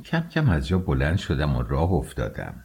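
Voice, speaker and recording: A man narrating an audiobook in a measured, expressive way. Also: a bass voice, creaky, breathy edge. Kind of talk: scripted narration.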